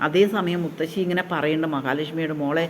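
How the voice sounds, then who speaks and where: A man's voice: on the high side, steady tone, a little fast, slight background noise. Chatty man retelling a serial plot. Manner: chatty, frequent tag "കേട്ടോ", reads quoted lines plainly. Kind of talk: casual retelling of a TV serial's upcoming episode.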